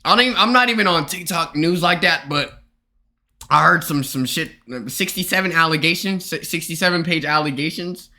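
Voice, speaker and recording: A man's voice: on the high side, fairly quick, pushed and bright. A young man chatting casually and ramblingly with his viewers as a live streamer, talking into his streaming mic. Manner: rambling and slangy, calls viewers bro and y'all.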